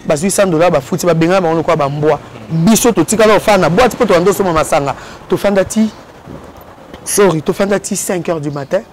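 Animated high-voiced man telling a story. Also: fairly quick, a little hiss or hum. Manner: lively, switches between Lingala and French.

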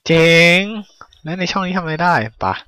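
A man giving casual let's-play commentary on a video game, excitable and full of sudden exclamations. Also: high voice, very fast, dry recording. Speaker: gaming caster.

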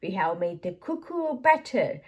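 A woman voicing an eager, excited little girl piglet in a children's storybook, in a high, bright childlike voice. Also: measured pace, dull audio. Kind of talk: children's storybook read-aloud.

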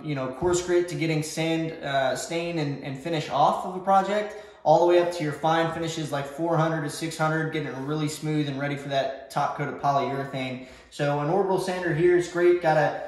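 Young man in an echoey garage. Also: a little high. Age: young adult. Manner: rambling, filler-heavy, self-correcting. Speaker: woodworking vlogger. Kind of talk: casual shop tour talk. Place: large home garage workshop. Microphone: far camera.

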